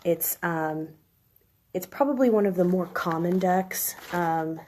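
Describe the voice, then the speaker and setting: Hoarse woman with a smoker's rasp. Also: on the low side, slow pace, a little mellow, a little hiss or hum. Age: 30s. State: chest cold, coughing and clearing throat. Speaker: live stream host, tarot reader. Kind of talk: casual explanatory live stream talk. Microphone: phone.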